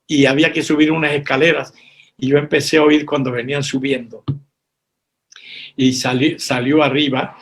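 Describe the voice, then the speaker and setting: A man's voice: mid-range voice, flat delivery, normal speed, pauses often. A reverend telling a missionary testimony from the pulpit, speaking with strong emotion, repeating his words and calling his listeners brothers and sisters.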